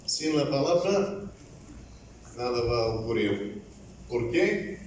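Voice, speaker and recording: With big pitch swings around a medium register and a slightly mellow tone, a male evangelist preaches a sermon in church. His delivery is slow, deliberate and a bit halting, as if the language is still new to him. He is far from the mic in a very echoey room with faint background noise.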